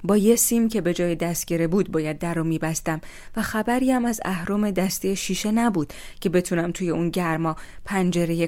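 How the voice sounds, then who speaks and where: A young woman telling a first-person story in a steady, reflective way. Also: on the low side.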